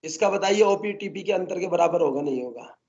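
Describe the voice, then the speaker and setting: A man's voice: sits high, expressive, a little fast, a little mellow, dull audio. A male botany teacher lecturing a class, constantly coaxing the students to answer his questions.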